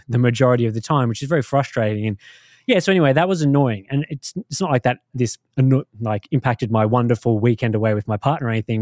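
A man's voice: mid-range voice, a little mellow, no echo, studio quality. An Australian man chatting casually as a podcast host, telling things in a rambling, conversational way. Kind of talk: casual chat.

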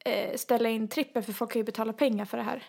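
A fairly high-voiced woman telling a story in relaxed conversation. She is animated, leans on fillers, and acts out the lines of the people in her story. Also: gravelly. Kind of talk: casual chat, storytelling.

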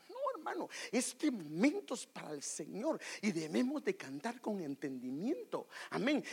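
An animated preacher teaching a congregation about worship, with a husky, slightly breathy voice. The pitch swings widely as the speaker presses rhetorical questions on the listeners. Now and then short snatches of worship songs slip into the talk.

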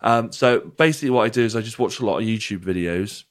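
Low-voiced British man hosting a podcast. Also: fast talker. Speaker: podcast host. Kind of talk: casual conversational podcast talk.

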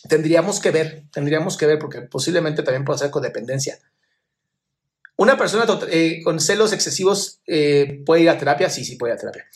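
A man with a voice a little higher than most men's hosts a live chat, going through viewer questions one by one. He answers bluntly but affectionately, calling his listeners "my love" as he gives emotional advice. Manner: frank, direct advice. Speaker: live stream host giving emotional advice.

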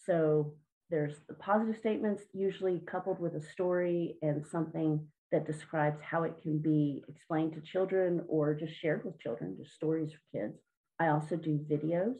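A woman with a fairly low, mellow voice gives an interview about helping children with their mindset. She speaks earnestly and encouragingly, sometimes repeating a word as she goes. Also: rough recording. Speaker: guest, children's mindset coach. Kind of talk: interview answers.

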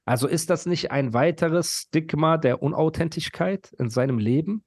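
A man's voice: fairly high pitch, normal speed, darkish tone, no room sound. A man hosting a podcast, telling stories and ranting casually in long, nonstop chatty runs full of slang. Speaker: podcast host.

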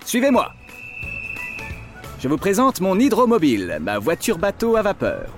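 A man narrating a children's story in a playful, expressive way as an inventor teacher. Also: sits high, fairly quick, soft background music.

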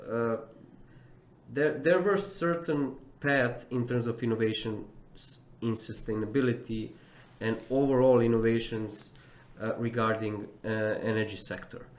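Halting man, echoey room. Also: medium pitch, steady tone. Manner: halting, searching for words. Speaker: interviewer. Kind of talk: interview questions.

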